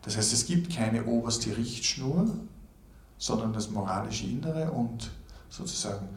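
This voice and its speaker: A man giving a reflective spoken lecture, measured and deliberate, building his points in long lists. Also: on the low side, animated.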